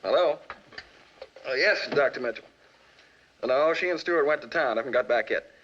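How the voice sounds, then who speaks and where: An actor playing an easygoing, joking American scientist in a 1950s film. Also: male voice, medium pitch, lively intonation, normal speed, fairly bright tone, a little hiss or hum, lightly acted. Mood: surprised. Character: easygoing American radio scientist, adult man. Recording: dull 1950s film soundtrack.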